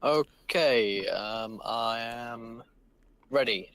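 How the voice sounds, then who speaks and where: A man's voice: mid-range voice, drawn-out words, fairly bright tone. A man co-hosting a casual podcast chat. He speaks in an eager, exclamatory way in a mid-range voice, and the recording sounds dry and close with no room echo. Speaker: co-host.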